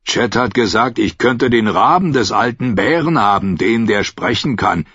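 Big gentle simpleton read by a man, low voice, slow, husky, dull sound. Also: animated, no room sound. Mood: earnest.

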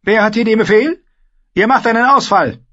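A man voicing a sharp-tongued dwarf lord giving curt orders in battle. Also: high voice, lively intonation, measured pace, pitched above the performer's own voice, exaggerated voice. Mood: commanding. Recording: slightly dull lo-fi recording.

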